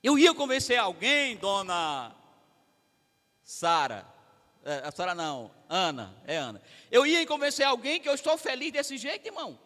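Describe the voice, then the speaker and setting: Preaching to a family service in a large church hall, a man with a Brazilian Portuguese accent talks conversationally and directly to the congregation. His high voice swings hugely in pitch, bright and forceful at a moderate pace. The hall echoes.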